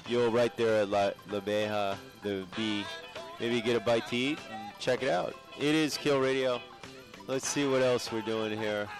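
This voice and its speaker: A man's voice: mid-range voice, fairly even intonation, moderate pace, music in the background. A man hosting community radio, talking in a loose, rambling way with fillers. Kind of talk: casual radio chat.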